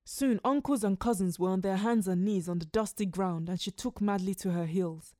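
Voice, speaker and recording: A woman reading a literary short story aloud in a measured, expressive narrating voice. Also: mid-range voice, dry recording, studio quality. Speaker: story reader.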